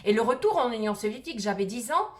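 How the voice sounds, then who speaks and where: Fast, animated and fairly high-pitched, this middle-aged Russian vlogger tells a personal story on camera with a slight accent. Despite the energy, she is hesitant, peppering her speech with "euh."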